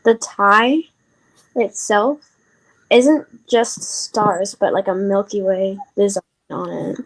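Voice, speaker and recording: A woman's voice: medium pitch, fairly even intonation, slow, rough recording. A woman playing a tabletop game, describing things in a thoughtful way. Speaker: player.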